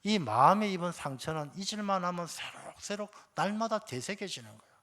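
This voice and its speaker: A man's voice: high-pitched, animated, brisk, a bit bright. A male pastor preaching a sermon in a conversational, emphatic way, speaking straight to the congregation and repeating his key points. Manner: conversational, addresses the congregation directly.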